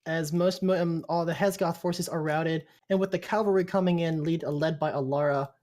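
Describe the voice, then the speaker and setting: A game master improvising tabletop game narration in an informal, halting way, mixed with casual chat. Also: medium pitch, steady tone, darkish tone.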